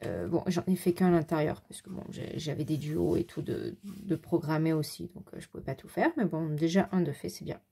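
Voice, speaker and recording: A woman casually showing her coloring books, rambling with fillers and quick self-corrections. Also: low-pitched, lively intonation, gravelly, warm tone, husky. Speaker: adult coloring hobbyist. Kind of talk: casual show-and-tell.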